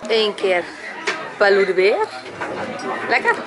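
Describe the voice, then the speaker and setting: A young woman chatting casually in a family vlog, quick to laugh and talking warmly with her family. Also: medium pitch, crowd noise. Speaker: vlogger. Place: holiday cottage and park.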